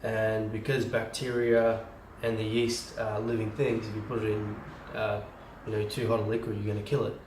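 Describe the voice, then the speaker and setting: A man's voice: lowish voice, flat delivery, normal speed, few pauses, noisy background. A man, a home brewer, chatting casually through a how-to video, rambling with lots of ums and restarts. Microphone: camera from a distance. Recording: roomy and distant camera mic.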